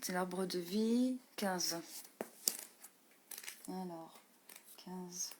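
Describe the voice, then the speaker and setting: Slow, gentle French woman healer. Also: background noise. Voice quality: low voice. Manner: slow and gentle, laughs often, drops to soft whispers. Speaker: energy healer and meditation host. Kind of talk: live-stream chat greeting viewers.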